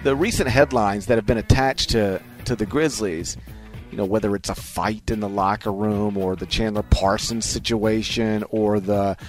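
A man's voice: lowish voice, steady tone, normal speed, faint music behind. A man hosting a sports radio show, talking casually and reading ads in a rambling way, repeating phrases for emphasis. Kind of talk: casual sports talk and ad reads. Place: radio studio.

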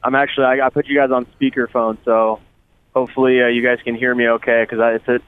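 A man calling in on speakerphone while he drives, talking in a relaxed, halting way. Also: mid-range voice, clean tone. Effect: on speakerphone in a car. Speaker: guest player. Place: driving in a car. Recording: tinny phone line.

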